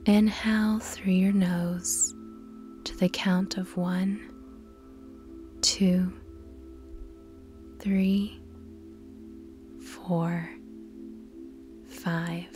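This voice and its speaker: Over clearly audible background music, a woman narrates a scripted guided meditation. She speaks extremely slowly and deliberately, pausing between instructions, in a soft, breathy voice that often drifts into a whisper and holds a very steady pitch.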